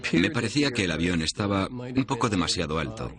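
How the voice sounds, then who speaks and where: A man playing a calm, methodical air traffic controller in a dubbed documentary, speaking matter-of-factly. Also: lowish voice, quick pace, natural voice. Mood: calm, businesslike.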